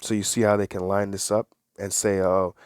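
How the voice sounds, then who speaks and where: A man with a fairly low voice delivers preachy religious commentary. He leans hard on certain words, circles back to repeat phrases, and fires off rhetorical questions. The sound is dry and close, with no room echo. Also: flat delivery, moderate pace, darkish tone, smooth. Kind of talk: preachy commentary with read-aloud news.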